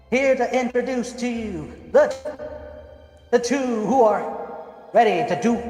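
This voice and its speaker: A man's voice: very high voice, pitched above the performer's own voice. A man voicing a showy female mistress of ceremonies through an echoing voice changer, announcing with grand, stumbling patter. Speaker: game master. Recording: echoey, reverberant, faint music behind.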